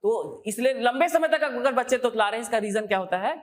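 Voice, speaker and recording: A woman's voice: fairly high pitch, expressive, fast. A woman teaching an exam coaching class in a classroom, repeating key terms and quizzing her students with questions.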